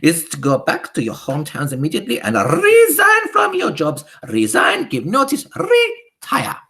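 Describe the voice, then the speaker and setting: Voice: mid-range voice, huge pitch swings, normal speed, vocal fry, bright, forceful tone, pitched above the performer's own voice, full character voice. A reader voicing a tiny, furious female witch leader who screeches and speaks with odd foreign-sounding grammar, in an audiobook. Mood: commanding. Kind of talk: audiobook character voice.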